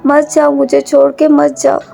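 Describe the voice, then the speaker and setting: A woman's voice: high-pitched, completely flat delivery, measured pace, creaky, warm tone, faint music behind, exaggerated voice. A woman reading as a pleading little boy. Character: young boy begging someone to stay.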